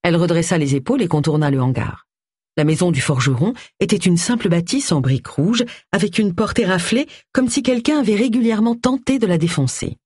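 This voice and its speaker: An audiobook narrator reading a mystery novel in a measured, even storytelling voice. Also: mid-range voice, husky, dry recording, studio quality. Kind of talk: scripted narration of a cozy mystery.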